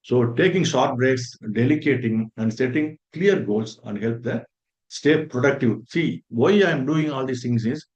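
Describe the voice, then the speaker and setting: A man lectures a room of teachers at an even, middling pitch. He talks earnestly and circles back to stress his points, walking through plain examples one by one. The recording sounds a little dull and lo-fi. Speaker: resource person for a faculty development program.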